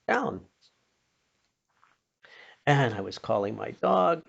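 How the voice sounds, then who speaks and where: An older man from Pennsylvania in the United States, with a North American accent and a gravelly, fairly high-pitched voice, tells a personal story. He is unhurried, plain-spoken and folksy, as if handing down a lesson. The recording is dull, muffled and lo-fi.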